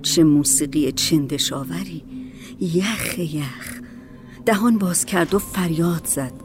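A woman narrating a story as an audiobook in a calm, measured way. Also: deep voice, over music.

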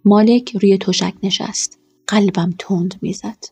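A woman narrating a first-person story in a quiet, measured way. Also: mid-range voice, steady tone, breathy edge, soft background music.

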